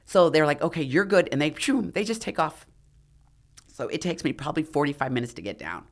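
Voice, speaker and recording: Her voice deep and a little fast, a middle-aged podcast guest who once competed in figure and climbed mountains recounts a dramatic tale in a relaxed interview. She animatedly performs other people's lines.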